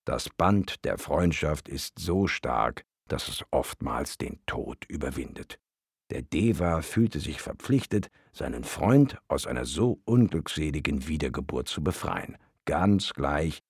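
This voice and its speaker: A man reads an audiobook story in an extremely deep voice with a gravelly, creaky edge. His delivery is measured but expressive, moving widely in pitch. The recording is dry and close, with no room sound. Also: dry recording. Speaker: audiobook narrator. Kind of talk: calm storybook narration.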